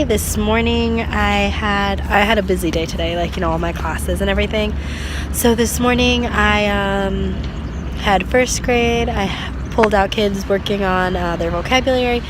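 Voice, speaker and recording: Young american girl vlogging on her phone in the park, chatty, lots of likes and um, bit of traffic noise. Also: mid-range voice. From United States. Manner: chatty, laughs often, many fillers. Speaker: vlogger and language assistant at a school. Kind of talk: casual vlog chat. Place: outdoors in a park.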